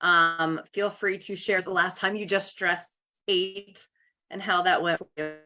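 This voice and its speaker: A woman leads a casual live coaching call over a video link. Her voice sits a little low yet sounds bright and clear, and she talks in a chatty, upbeat way. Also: steady tone, a little slow. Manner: chatty, upbeat, greets viewers by name.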